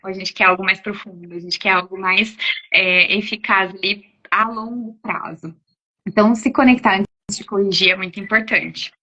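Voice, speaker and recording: A woman's voice: mid-range voice, steady tone, moderate pace. A woman, an educator in her forties, casually answering parenting questions, often ending phrases with a questioning tag. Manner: warm explanatory, frequent "né?" tags. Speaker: educator giving parenting talk. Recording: dull lo-fi audio.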